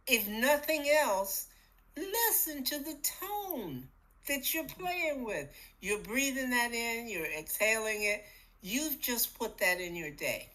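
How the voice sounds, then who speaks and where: A middle-aged woman hosting a spiritual podcast, talking in a casual, animated way, acting out little voices and laughing often. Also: fairly high pitch, slow, rough recording. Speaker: podcast host.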